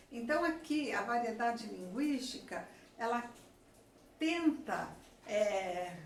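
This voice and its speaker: A woman teacher, giving a slow classroom lecture and checking in with her students often. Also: on the high side. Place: classroom with a chalkboard. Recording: echoey room, voice from far off, faint noise.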